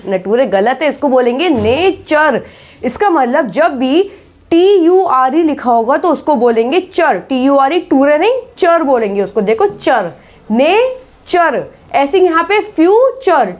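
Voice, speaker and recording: A woman's voice: high voice, darkish tone. A woman teaching an English lesson, explaining step by step and asking and answering her own questions.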